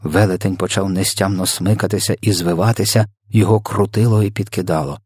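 A man reading a children's story aloud in an expressive, dramatic narration. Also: deep voice, brisk, slightly rough, no room sound, studio quality. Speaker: audiobook reader.

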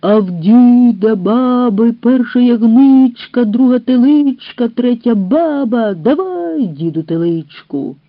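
Female reader doing a greedy fairy-tale wolf, slow, menacing demands, lively pitch. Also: no room sound. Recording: dull dry recording.

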